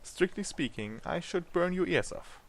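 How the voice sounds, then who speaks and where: A man's voice: high-pitched, expressive, measured pace, pitched above the performer's own voice. A man voicing a flirtatious exiled female devil while reading game dialogue aloud, with a slight lift in his voice. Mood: coaxing.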